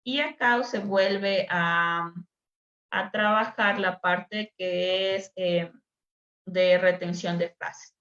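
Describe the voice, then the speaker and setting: A woman's voice: mid-range voice, fairly even intonation, drawn-out words, a bit bright. A woman teacher, patiently explaining a dyslexia assessment to a workshop group over a video call. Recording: echoey room, dull lo-fi sound.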